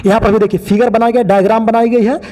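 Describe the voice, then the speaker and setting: A man's voice: high-pitched, fairly even intonation, fast talker, dark tone, in a large hall. A man teaching biology, pointing out other teachers' mistakes in a critical, explaining way. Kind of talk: online lesson commentary.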